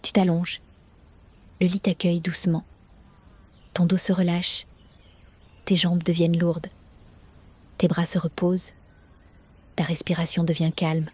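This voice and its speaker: Soft low-pitched woman narrating sleep meditation. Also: flat delivery, breathy edge. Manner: soft, gentle, soothing, unhurried with long pauses. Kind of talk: slow guided sleep story, bedtime meditation.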